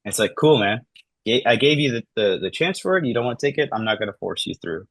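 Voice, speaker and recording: A man in his thirties talking casually as a podcast guest, acting out everyday conversations in lively voices and often saying "like" and "man". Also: on the low side, fast talker, gravelly, no echo. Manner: animated, acts out dialogue in lively voices, says "like" and "man" often.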